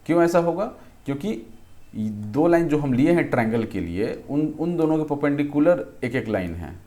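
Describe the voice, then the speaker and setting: A man's voice: medium pitch, mellow. A man teaching a physics lesson in a conversational way, often checking in with questions and correcting himself as he works through it. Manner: thinks aloud, restarts and self-corrects. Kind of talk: explaining a lesson at a board.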